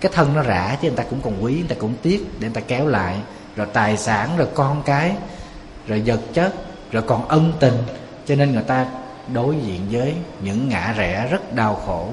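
A monk gives a conversational sermon at a mid pitch, often quizzing his audience. His voice reverberates through a large temple hall, with a faint hum of ambience behind. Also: lively intonation, brisk. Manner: conversational, asks the audience rhetorical questions. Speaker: Buddhist monk. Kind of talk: Buddhist sermon.

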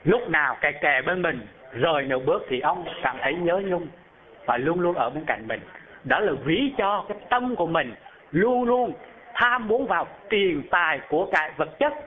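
A man's voice: fairly high pitch, animated, normal speed. A man preaching a Buddhist sermon through a parable, telling the story and asking his listeners rhetorical questions. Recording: phone-like narrow band.

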